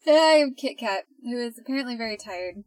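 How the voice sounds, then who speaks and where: A woman's voice: fairly high pitch, lively intonation, a little fast, darkish tone, no room sound, poor audio. A young woman co-hosting a podcast, chatting in a casual, teasing way and laughing often. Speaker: podcast co-host.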